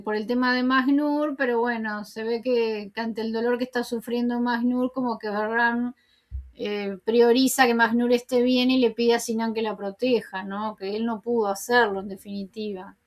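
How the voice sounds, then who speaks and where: Woman, high voice, chatty series recap w lots of fillers and asides. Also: fairly even intonation, normal speed, fairly bright tone. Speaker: YouTuber recapping Turkish TV episodes. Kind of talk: casual spoken episode recap.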